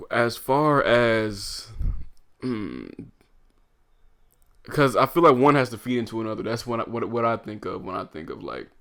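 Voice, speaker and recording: A man's voice: medium pitch, animated, a little slow, long pauses, fairly bright tone. A young man co-hosting a podcast in casual chat, laid-back and hesitant, arguing his point with frequent restarts. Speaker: podcast co-host.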